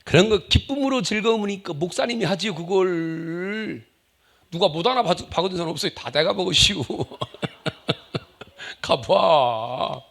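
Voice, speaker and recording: A male pastor preaching a humorous, animated sermon, acting out the voices he quotes. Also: high voice, a little slow, gravelly.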